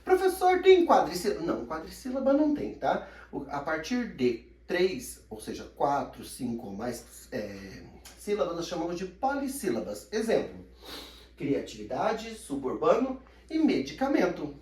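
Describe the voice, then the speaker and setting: A man teaching a recorded grammar lesson, his pitch rising and falling in lively swings. He stretches out the syllables he wants to stress and plays his own students asking questions. The sound is roomy and echoey, with the speaker a little away from the microphone. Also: unhurried, recorded from a distance. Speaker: Portuguese language teacher. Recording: echoey room, somewhat off-mic.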